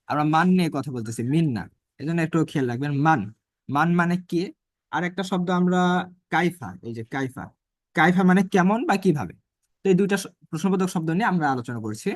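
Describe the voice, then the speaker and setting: Male Arabic teacher, high voice, dry close sound, repeats points and reads phrases slowly. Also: no room sound. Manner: repeats phrases and asks rhetorical questions. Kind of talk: online Arabic grammar class.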